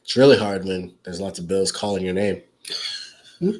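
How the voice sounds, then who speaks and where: A man's voice: sits low, moderate pace, darkish tone. A young man co-hosting a casual couple's podcast, joking and teasing as he talks. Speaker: podcast co-host.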